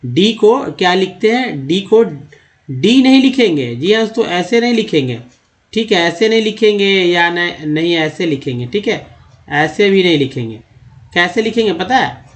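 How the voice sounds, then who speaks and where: A man's voice: high-pitched, lively intonation, unhurried. A man giving a spoken lesson on reading English. He explains step by step, often repeats words and asks his listeners questions. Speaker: English teacher.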